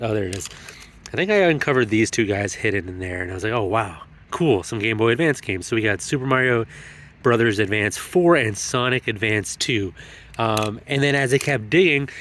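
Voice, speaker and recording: A man in a casual, excited show-and-tell about his yard sale finds. His voice echoes as if he were in a cave, and he talks with frequent ums and restarts. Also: mid-range voice. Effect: echoey cave-like sound.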